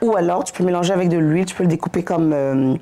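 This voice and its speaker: A woman's voice: fairly low pitch, rapid-fire, a crowd in the background. A woman in her thirties from Côte d'Ivoire, whose first language is Baoulé, chatting about her grocery store in an interview, full of fillers and repeated words. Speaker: grocery store owner, guest. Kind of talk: casual interview chat.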